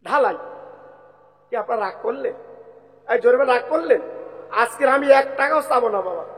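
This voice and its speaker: A male preacher with a West Bengal Bengali accent gives a sermon to a big open-air gathering, his voice hoarse and pitched very high. He speaks straight to the crowd and keeps calling on them for takbir. The sound has a long, echoing reverb from the loudspeakers. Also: animated, normal speed. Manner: addresses crowd directly, calls for takbir chants. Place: large outdoor religious gathering.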